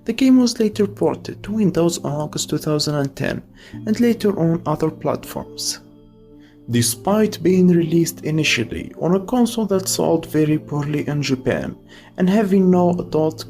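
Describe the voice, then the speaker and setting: In a scripted video essay, a man narrates with a fairly high, creaky, slightly mellow voice, dropping in casual host asides. Faint music plays underneath.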